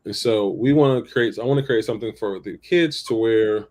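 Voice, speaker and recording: A man's voice: on the low side, moderate pace, darkish tone. A man co-hosting a podcast, talking loosely through his ideas, repeating himself and checking in with "right?". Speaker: podcast co-host. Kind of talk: casual chat.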